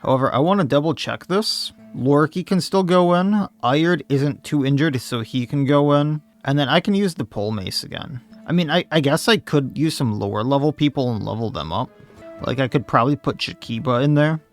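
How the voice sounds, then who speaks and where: A man's voice: fairly high pitch, normal speed, soft background music. A man, slightly losing his voice, commenting casually on his own gameplay and thinking aloud as he plays. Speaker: let's play host.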